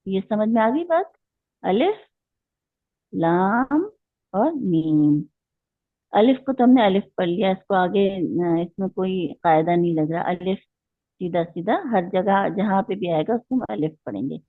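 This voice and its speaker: A woman's voice: mid-range voice, lively intonation, a little slow, dry recording. A woman teaching a Quran recitation class, patiently explaining rules step by step and asking her students questions. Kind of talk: online class lecture. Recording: tinny phone-like line.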